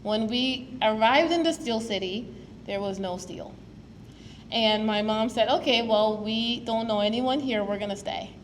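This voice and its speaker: A woman's voice: fairly high pitch, measured pace. A woman from Guyana gives an earnest, storytelling public talk to an audience as a preservation advocate at a museum. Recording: long hall reverb, faint noise.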